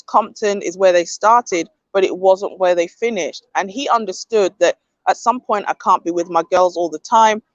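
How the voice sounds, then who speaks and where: A woman's voice: medium pitch, dry recording. Woman podcaster ranting on a livestream, pushy "okay?" after points, muffled dry mic. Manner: opinionated, emphatic, often adds "okay?". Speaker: podcast host. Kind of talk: livestream commentary, reading chat comments.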